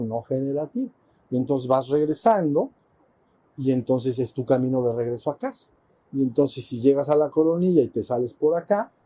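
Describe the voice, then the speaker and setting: A man's voice: mid-range voice, dark tone, breathy edge. A man, a spiritual teacher telling a playful, colloquial story to a retreat group.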